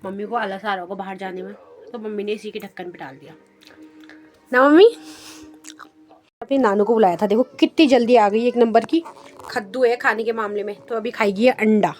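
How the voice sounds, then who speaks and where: A woman's voice: mid-range voice, fairly even intonation, fairly quick, long pauses. A young woman chatting casually in a home vlog, teasing and talking straight to her viewers. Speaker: vlogger.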